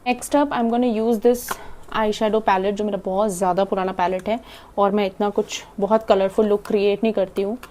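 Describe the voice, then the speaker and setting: A young Indian woman with an Indian accent, chatting fast through a casual makeup tutorial as she applies it and swallowing half her words. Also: mid-range voice, steady tone, a little mellow. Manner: chatty, demonstrating while applying makeup. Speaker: makeup vlogger. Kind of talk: casual makeup tutorial, Hindi-English mix.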